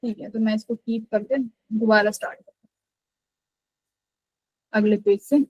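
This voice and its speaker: A young woman with a high voice leads a live online physics class. She explains step by step and keeps checking that her students understand. Her voice sounds dry and close, with no room echo. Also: fairly even intonation, a little slow, darkish tone. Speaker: physics teacher.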